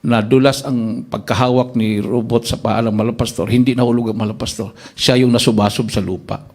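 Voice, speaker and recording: A man with a Filipino accent preaching a sermon, telling a testimony and acting out the voices of the people in it, his pitch jumping up on exclamations. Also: brisk. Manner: animated storyteller acting out quoted voices, pitch leaping up in exclamations.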